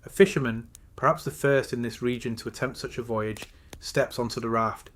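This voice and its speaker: A male narrator reads a guided bedtime story at a medium pitch. His delivery is slow, soothing and measured. He sets phrases apart with unhurried pauses. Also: fairly even intonation.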